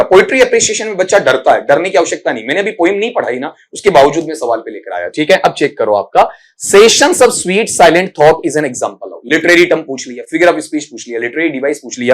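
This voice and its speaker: Guy teaching english exam prep, bit high voice, quizzes then answers himself. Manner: explains step by step, asks and answers his own questions; reads English lines out slowly.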